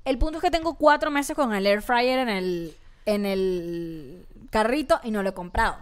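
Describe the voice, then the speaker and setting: A woman co-hosting a casual chat, telling candid stories in an animated way. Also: medium pitch, moderate pace, clean tone. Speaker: podcast co-host.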